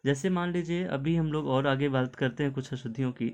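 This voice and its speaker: A man gives a recorded Hindi lesson on pronunciation, his voice sitting at an ordinary middle pitch. He talks through examples patiently and keeps asking "okay?" as he goes. English words turn up now and then in his Hindi. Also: fairly quick, darkish tone. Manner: explains patiently, repeating "ठीक है" often. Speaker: Hindi teacher. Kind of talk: online video lesson.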